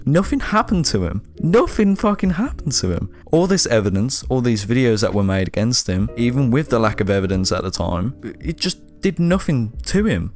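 A man with a fairly low voice, ranting into his camera in a casual vlog. He is blunt and swears freely as he goes. His tone is plain and everyday, with no polish. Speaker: video creator.

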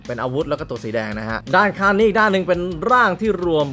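A chatty man hosts a toy review, talking straight to his viewers with a lively, bouncing pitch. He tosses in playful sound effects as he goes, and soft music plays faintly behind him. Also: quick pace. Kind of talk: casual toy review vlog.

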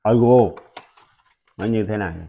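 Vietnamese-speaking guy teaching pronunciation, slow and patient, says the words over and over loud. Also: on the low side, a little hiss or hum. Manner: repeats example words slowly and loudly; patient, instructive. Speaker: language teacher. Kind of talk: pronunciation lesson.

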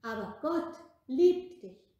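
Woman playing a gentle old bishop teaching kindness, echoey. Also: high voice, very animated, slow, voice pushed up, full character voice. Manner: warm, coaxing, patient. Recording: echoey room.

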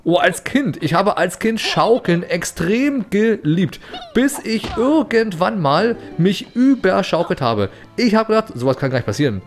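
A man's voice: sits high, big pitch swings, measured pace. A man giving casual let's play commentary in a playful, rambling, chatty way. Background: game music.

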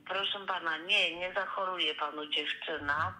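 A woman's voice: fairly low pitch, fairly even intonation, unhurried, sharp tone. A woman fortune teller heard over a phone line, patiently and politely reading cards for a caller, with hesitant fillers.

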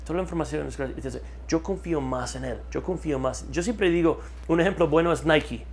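Speaking a little fast in a voice on the high side, this American man talks as a marketing consultant in a lively studio interview, miked with a lapel mic in front of a map backdrop. He stresses points by repeating key words and moves his hands animatedly, with slight background noise present.

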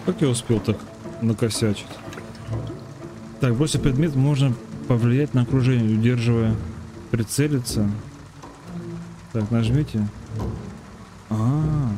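A man's voice: mid-range voice, measured pace, pauses often. A man giving casual let's play commentary, muttering to himself in colloquial language with some swearing. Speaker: gamer playing and commenting. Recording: clear game music behind the voice.

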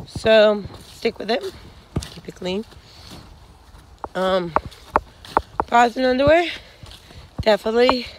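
A woman's voice: fairly high pitch, lively intonation, takes it slowly, pauses often, background noise. A young woman giving frank hiking advice in a casual vlog, rambling with many fillers, filmed on a phone at arm's length on a wooded trail. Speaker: hiking vlogger. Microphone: phone held at arm's length.

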